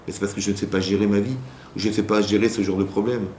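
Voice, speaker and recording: Speaking rapid-fire in a level, darkish, low-side voice, a rabbi leads an informal class for women at a community hall. He's conversational, repeats and restarts often, and acts out quoted spouses. There's echo in the room and a faint hum.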